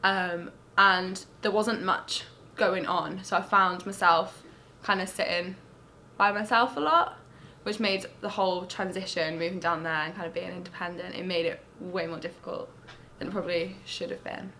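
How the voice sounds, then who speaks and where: Bright-voiced young woman, soft. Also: on the low side, steady tone, moderate pace, slight background noise. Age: 20s. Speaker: student interviewee. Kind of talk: casual interview answers.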